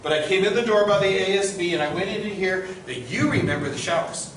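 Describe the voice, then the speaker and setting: A man's voice: sits high, fast talker. A middle-aged man giving an informal guided tour, telling stories to a group in a conversational way and putting questions to his listeners. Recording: distant, very echoey, noisy group-tour recording.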